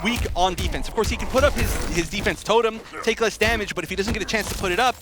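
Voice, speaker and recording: A man's voice: high voice, fast talker, noisy background. A man giving live, analytical fighting game commentary, explaining the play as it happens. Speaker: esports commentator. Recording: game music under the voice.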